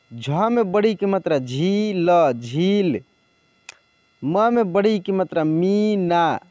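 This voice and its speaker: A man teaching Hindi reading, saying each word twice in a drawn-out way and then explaining in quick chatty asides. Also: fairly high pitch, a little mellow, no room sound.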